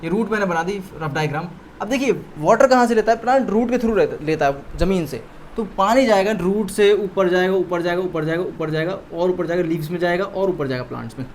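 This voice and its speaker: Man, young adult, Indian accent, high voice, science teacher, repeats terms, asks students questions. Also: a little fast, a little hiss or hum. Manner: repeats key terms, quizzes listeners with questions. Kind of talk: classroom lecture to students.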